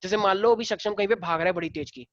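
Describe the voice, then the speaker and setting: A man's voice: sits high, racing, fairly bright tone, dry recording, highs cut off. A male teacher lecturing a class in a casual way, explaining step by step and firing questions at the students.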